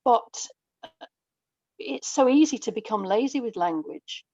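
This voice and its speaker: A woman from England, speaking with an English accent, appears as a guest in a casual interview; she's a writer and audio dramatist. Her high voice is animated yet unhurried and a little mellow, and she talks reflectively and articulately on dull audio with no echo.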